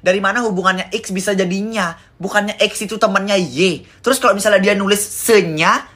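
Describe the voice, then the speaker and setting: A woman's voice: mid-range voice, a little fast. A young woman giving sarcastic, exasperated comedic commentary, with faint music underneath. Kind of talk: comedic commentary on texting habits.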